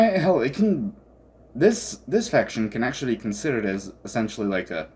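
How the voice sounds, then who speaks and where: This is a casual game commentator who rambles through thoughts in a halting way. The pitch is lively and swings widely. Sentences often trail off and get picked up again, as in an unscripted discussion.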